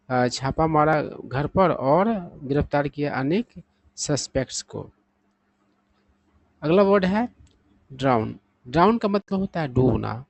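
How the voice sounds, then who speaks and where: A man teaching English vocabulary in Hindi, explaining each word step by step and reading the example sentences slowly. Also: on the high side, vocal fry, no room sound, low-quality recording. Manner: steady explaining, often adding "thik hai na?".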